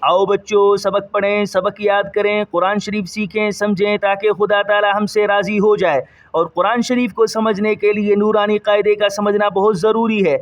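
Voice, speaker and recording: High, clear-voiced male Quran teacher. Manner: drawn-out letter recitation, repeats each sound for children to copy. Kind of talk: children's recitation lesson.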